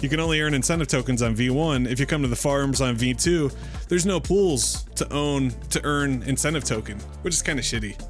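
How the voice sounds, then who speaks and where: A man hosts a casual livestream, talking in a rambling, fired-up way and often restarting his sentences. His voice sits at a middle pitch. Faint music plays underneath. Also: fairly quick. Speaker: livestream host. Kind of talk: casual crypto livestream talk.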